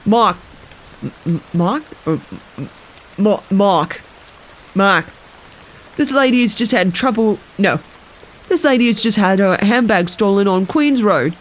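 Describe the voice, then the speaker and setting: Young male desk sergeant, as a woman reads him, polite, flustered, stammering, lively pitch. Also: measured pace, pauses often, close to an everyday voice.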